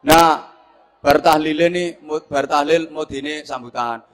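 A man with a Javanese accent delivers a humorous sermon in a fairly high voice. He tells stories with lots of life and slips into the voices of the people he describes. He sounds middle-aged and at ease in front of a crowd. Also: measured pace. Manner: lively storytelling, acts out scenes and mimics people. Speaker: preacher.

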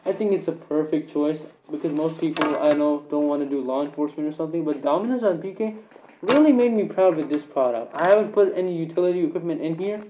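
A man's voice: a little high, fast, mellow, a little hiss or hum. A young man giving a casual, rambling gear review, his voice muffled through a cloth mask.

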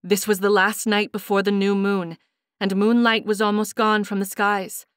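Give me a woman narrating a fantasy audiobook with dry close sound and mid pitch. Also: level tone, normal speed, clean tone, dry recording.

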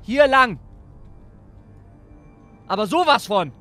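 A man's voice: very high voice, animated, slow, pushed and bright, soft background music, heavily acted. A man voicing a stressed, strict father in a Roblox role-play, exasperated and scolding. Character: stressed, strict young dad.

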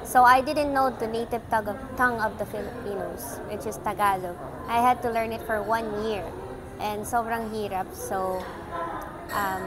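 A woman's voice: on the high side, rough recording. Bubbly young woman, pageant interview. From Canada. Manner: bubbly, mixes English with Tagalog, frequent ums. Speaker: pageant candidate. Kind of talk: casual interview answers. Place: indoor venue with red bench.

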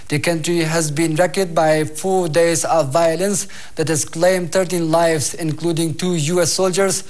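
A young man with an Afghan accent reading scripted news as an anchor, on a lapel mic in a TV studio. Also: high-pitched. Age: young adult.

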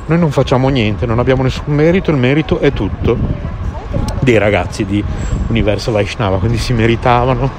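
A man's voice: mid-range voice, fairly quick. A man hosting a casual solo radio talk, his voice muffled by a face mask. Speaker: radio host. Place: out and about, on a bus and then in the street. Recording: noisy outdoor street and vehicle recording. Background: loud traffic and vehicle noise.

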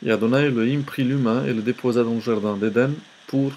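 A man lecturing on the Old Testament, reading scripture aloud at a slow, careful pace. His voice sits in an ordinary middle register, and he often stumbles and restarts words. A faint hiss of background noise runs under the recording. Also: medium pitch, fairly even intonation, darkish tone.

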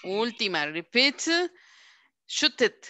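A woman teacher leads an online class. She patiently repeats each English verb slowly for pronunciation practice. Her voice is bright and clear, recorded dry and close. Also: medium pitch, lively intonation, dry recording.

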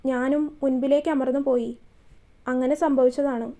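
A woman's voice: high-pitched, little pitch movement, moderate pace, mellow, close to an everyday voice. A woman voicing a stern, commanding young man who questions firmly and bluntly. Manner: firm, questioning tone.

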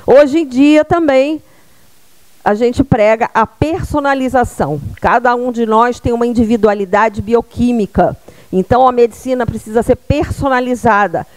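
Brazilian lady giving a health lecture, kinda high voice, dry close mic sound, lots of little "right?" check-ins. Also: darkish tone, no room sound. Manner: explanatory, with frequent "né?" and "tá?" tag questions. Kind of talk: public lecture. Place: small lecture room with a seated audience. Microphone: handheld microphone.

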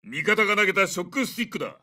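A man's voice: high-pitched, lively intonation, racing, sharp tone, distant mic, heavily acted. A man voicing a terse, battle-hardened special forces captain who calls out short, urgent tactical lines in a military shooter game. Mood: brisk, alert. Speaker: soldier calling out combat voicelines.

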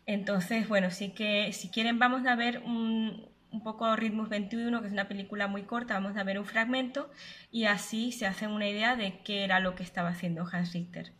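A woman's voice: medium pitch, fairly even intonation, a little fast, fairly bright tone. A woman, giving an online lecture from home on a webcam, explaining at length with many fillers and self-corrections. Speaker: filmmaker and researcher giving a lecture. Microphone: webcam at close range.

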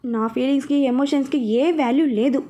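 A woman's voice: high-pitched, brisk, dark tone. A woman voicing a playful young woman who sulks and pleads when scolded. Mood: sulky. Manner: sulky, pleading.

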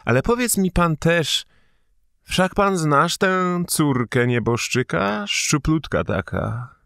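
A man reading an audiobook, voicing a sly, condescending middle-aged man who speaks slowly and sneeringly. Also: lively intonation, creaky, a bit bright, clear, resonant tone, dry recording, studio quality, heavily acted. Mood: insinuating. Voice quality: slow, low, sneering. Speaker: audiobook reader.

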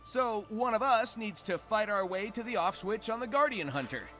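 A man's voice: high voice, expressive, normal speed, fairly bright tone, faint music behind. A man voicing a cocky, easygoing young hedgehog hero in a video game, breezy and confident with an American accent. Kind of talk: video game cutscene acting.

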